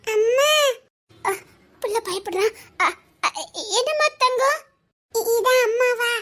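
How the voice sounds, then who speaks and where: A woman's voice: very high voice, takes it slowly, sharp tone, exaggerated voice. An actress playing a grieving young woman talking with her friend, with an emotional, tearful delivery. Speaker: actress in a family drama. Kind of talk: melodramatic dialogue scene.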